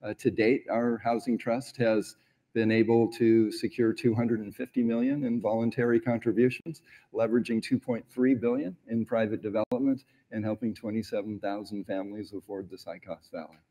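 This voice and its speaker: A middle-aged man speaks from a large indoor stage through a lapel mic. His voice sits low and mellow, and he tells his stories earnestly, pausing and hesitating as he reflects. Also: little pitch movement. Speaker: award honoree on stage. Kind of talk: onstage interview storytelling.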